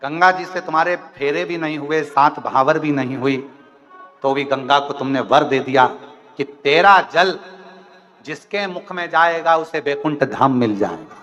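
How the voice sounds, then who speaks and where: Slow, bright-voiced katha preacher man. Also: a little high. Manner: animated, acts out dialogue, breaks into bhajan singing. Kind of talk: devotional storytelling sermon with song. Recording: long hall reverb, faint music.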